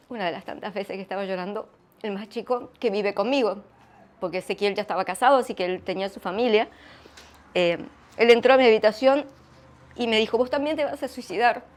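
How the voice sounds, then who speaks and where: A middle-aged woman with an Argentine accent, sharing a personal testimony at church in an earnest, reflective way, pausing and restarting often. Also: mid-range voice. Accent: Argentine Spanish. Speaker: guest speaker sharing testimony.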